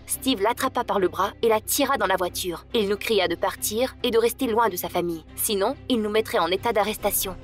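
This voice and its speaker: A woman narrates a first-person story in a scripted, storytelling delivery. Her voice sits at an ordinary middle pitch and swells with emotion in the dramatic parts. A faint music bed runs quietly beneath her. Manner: dramatic, emotional delivery that rises in tense moments.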